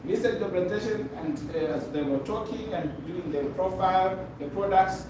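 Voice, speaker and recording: A man's voice: sits high, a little fast. An older man from Zambia, a pastor and consultant, telling his story to a seminar audience with many fillers and restarts. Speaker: presenter at a business seminar. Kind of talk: testimonial talk to an audience. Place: meeting room with a projector. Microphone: far camera. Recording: echoey room from far off, noisy.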